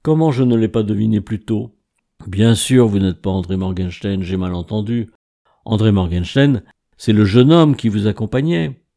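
A man's voice: on the low side, normal speed, creaky, dark tone. A man voicing a frail, haunted old composer who hesitates and breaks off with fillers, in a read-aloud story. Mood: insistent.

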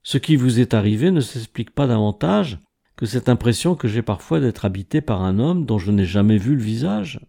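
A man's voice: medium pitch, expressive, normal speed, gravelly, dark tone. A man voicing a frail, haunted old composer who hesitates and breaks off with fillers, in a read-aloud story. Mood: earnest.

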